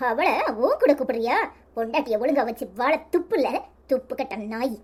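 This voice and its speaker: A furious village woman from a Tamil cartoon, speaking with a Tirunelveli accent. Her voice is fairly high but pushed lower and heavier as she berates relentlessly. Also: expressive, brisk, heavy background noise. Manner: harsh, berating. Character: fierce protective woman, furious scolder. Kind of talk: cartoon voice acting.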